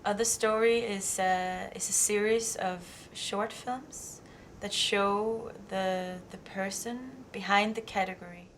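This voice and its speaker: A woman's voice: medium pitch, fairly even intonation, takes it slowly, slight background noise. A woman filmmaker explaining her work in a reflective documentary interview.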